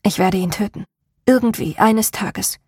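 A woman reading the part of a haunted, determined young woman in measured, weary tones. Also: mid-range voice, darkish tone, slightly rough, dry recording, clean studio sound. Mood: grim. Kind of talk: audiobook character reading.

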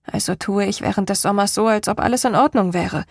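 A woman reading the part of a haunted, determined young woman in measured, weary tones. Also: mid-range voice, breathy edge, dry recording, clean studio sound. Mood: grim. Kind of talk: audiobook character reading.

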